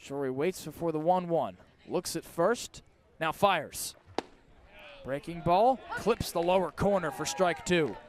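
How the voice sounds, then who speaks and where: A man with a somewhat high voice does live radio play-by-play at an outdoor ballpark, keeping a measured pace. He describes the baseball action in clipped bursts that lift as things heat up.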